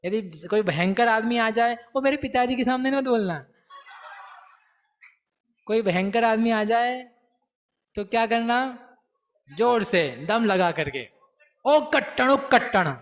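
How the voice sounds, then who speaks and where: Slow, playful teacher. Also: male voice, very high voice, animated. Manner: playful, coaxes class to repeat terms aloud; slow, deliberate explanation with rhetorical questions. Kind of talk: scripture lesson.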